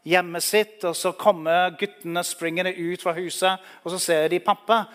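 Male preacher, sermon, slightly high voice, vivid storytelling, direct questions. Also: fairly even intonation, fairly bright tone.

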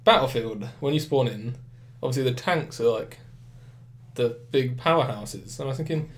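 A young British man hosts a podcast, chatting about games at a normal speed in a mid-range voice. Because of a head cold he sounds slightly nasal and congested. He tends to ramble, restart, and act out quotes.

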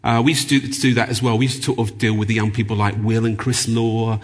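A man's voice: on the low side, level tone, quick pace. A man giving a chatty, anecdotal sermon in a church, with many fillers. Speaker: guest preacher. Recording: reverberant church hall.

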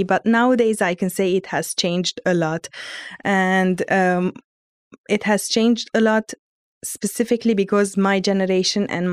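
A woman's voice: medium pitch, darkish tone, clean tone, dry recording, studio quality. A young woman, earnestly telling her own story on a podcast, often restarting her phrases. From Lebanon. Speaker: student guest. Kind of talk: reflective personal podcast storytelling.

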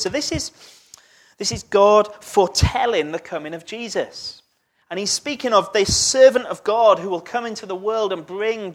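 A preacher with a mid-range voice gives a sermon in a conversational way, putting questions to the congregation. His voice often sinks almost to a whisper.

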